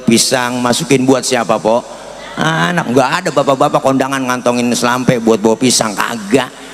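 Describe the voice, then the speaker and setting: A man with a Betawi accent giving a comic sermon, joking with the congregation, asking them to agree, and slipping into sing-song chanting. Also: mid-range voice. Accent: Betawi Malay. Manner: jokey, often asks the crowd for agreement, lapses into sing-song chanting. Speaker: Islamic preacher. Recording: echoey hall reverb.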